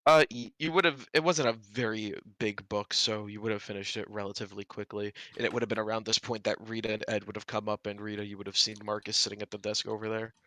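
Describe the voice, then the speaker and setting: A man's voice: on the low side, fairly even intonation, a little fast, few pauses, bright, forceful tone, dry recording. A man narrating as game master for a tabletop game, explaining at length with many fillers. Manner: rambling, filler-heavy explanations.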